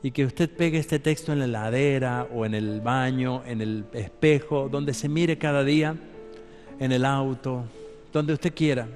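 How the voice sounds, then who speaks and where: Emphatic pastor preaching in a reverberant hall. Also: male voice, medium pitch, unhurried, a little mellow, soft background music. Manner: emphatic, addresses the congregation directly. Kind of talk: sermon.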